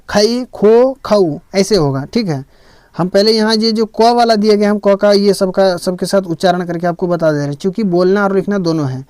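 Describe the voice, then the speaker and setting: A male teacher walks through a lesson patiently, repeating each point. His voice sits high and sounds smooth and clear. The recording is dry and close. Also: darkish tone, no echo. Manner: patient, repeats each step with frequent "theek hai". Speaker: Sanskrit teacher. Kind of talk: explaining a lesson slowly.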